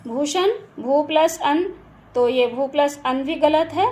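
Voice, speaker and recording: A woman's voice: high-pitched, takes it slowly, warm tone. A woman teaching Hindi grammar for exam prep, going through answers patiently and spelling words out sound by sound. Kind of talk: exam-prep lesson, checking answers aloud. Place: home beside a railway track. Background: faint household ambience, occasional train noise.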